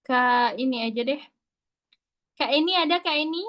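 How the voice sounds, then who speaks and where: A woman's voice: sits high, normal speed, fairly bright tone. A woman teaching Quran recitation in an online class, explaining patiently in a casual, chatty way and sounding out letters as examples. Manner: patient, demonstrates sounds aloud.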